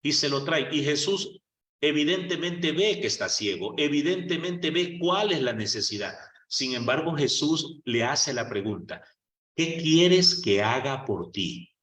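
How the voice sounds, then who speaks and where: Preaching about prayer in a conversational style, a man poses rhetorical questions and acts out the prayers he quotes. His voice is on the high side, animated, and a bit bright, at a normal speed. It was recorded in a roomy church meeting hall with a distant mic.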